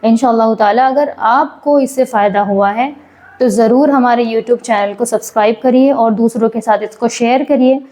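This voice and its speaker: A woman teaching how to recite a prayer, drawing out slow chanted phrases and then explaining briskly, often asking a question and answering it herself. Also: fairly high pitch, a little mellow. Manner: asks and answers her own questions. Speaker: religious teacher.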